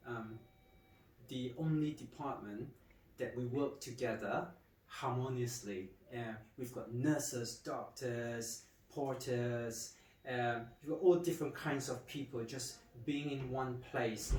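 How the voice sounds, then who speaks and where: A man from Malaysia, an emergency doctor speaking to camera in a warm, halting way with many fillers. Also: mid-range voice. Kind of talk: speaking to camera about his work. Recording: roomy, distant mic, faint hiss.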